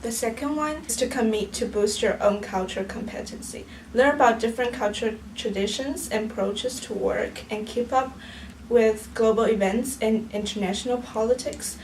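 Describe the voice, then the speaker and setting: A woman with a Chinese accent presents in a measured, steady way, her voice slightly high. She sits a little away from the mic, with a faint hiss of background noise. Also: distant mic, poor audio. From southern China. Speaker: student presenter.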